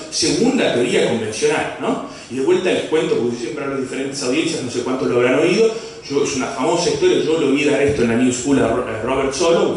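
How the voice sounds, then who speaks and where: A male economics lecturer from Brazil gives an academic talk in an echoey hall, captured from far off with faint noise. His medium-pitched delivery is halting, with many fillers and restarts, plus asides and jokes.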